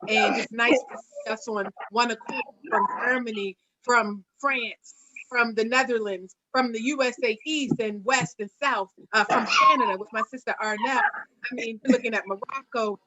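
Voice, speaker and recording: A woman's voice: on the high side, sing-song, normal speed, bright, forceful tone, muffled recording, a little hiss or hum. A woman hosting an online panel, speaking earnestly with a preacher-like cadence and frequent fillers. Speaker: host; singer.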